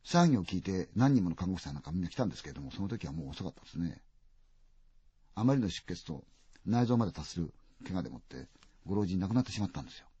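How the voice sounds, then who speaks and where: Husky man telling a ghost story. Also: sits low, sing-song, racing, no echo. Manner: vivid sound words, swings from loud to hushed. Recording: dull, dry lo-fi recording.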